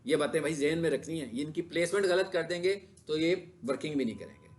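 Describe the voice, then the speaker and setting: Man, high voice, classroom lecture, asks his own questions and answers them. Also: fast. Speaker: digital marketing instructor. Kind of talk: classroom lecture with screen demo.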